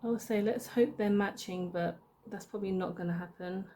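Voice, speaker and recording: A woman's voice: medium pitch, fairly even intonation, a little fast, mellow, slight background noise. A young woman chatting casually as she applies her makeup, thinking aloud and correcting herself as she goes. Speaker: beauty vlogger. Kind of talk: casual makeup tutorial chat.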